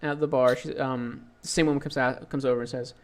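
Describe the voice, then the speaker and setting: A man's voice: medium pitch, fairly even intonation, brisk. A young man running a tabletop game as dungeon master, narrating with many fillers and restarts.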